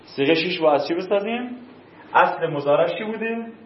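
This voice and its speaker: Guy teaching grammar in class, high voice, echoey muffled room, drills forms and quizzes students. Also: lively intonation, slight background noise. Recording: dull, roomy classroom recording.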